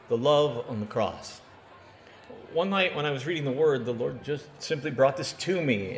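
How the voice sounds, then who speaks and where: Earnest man preaching an interpreted sermon. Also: medium pitch. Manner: earnest, emphatic preaching delivery. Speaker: sermon interpreter and podcast host.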